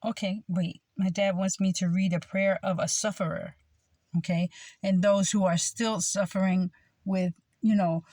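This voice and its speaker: Slow, rambling woman preaching. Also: medium pitch, fairly even intonation, mellow, dry recording. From United States. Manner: meandering, with frequent fillers and repetition. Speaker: self-styled preacher. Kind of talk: rambling religious monologue.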